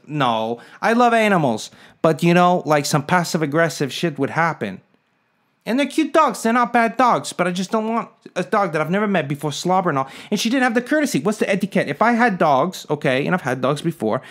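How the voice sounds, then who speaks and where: A man speaks casually to the camera in a somewhat high voice. He rambles, sounds indignant and keeps asking his viewers to weigh in. He drops in jokey asides and little chuckles as he goes. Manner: indignant, rhetorical, asks the viewers for their opinion. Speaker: vlogger.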